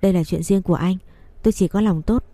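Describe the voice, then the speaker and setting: A woman voicing a calm, gentle young woman in a read-aloud story. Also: lowish voice, fast, dry recording. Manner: gentle, reminding.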